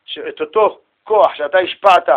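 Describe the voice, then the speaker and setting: A man giving a religious talk in a lively, casual storytelling manner, using street slang. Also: high-pitched, narrow, tinny audio. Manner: animated, casual slang, acts out voices.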